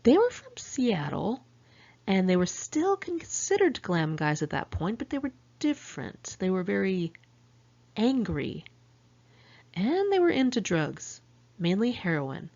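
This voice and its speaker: This creaky, darkish mid-range voice belongs to a middle-aged California woman narrating her memoir a little slowly, with huge pitch swings and dull audio. She tells her story in the first person, candid and wry with sardonic asides.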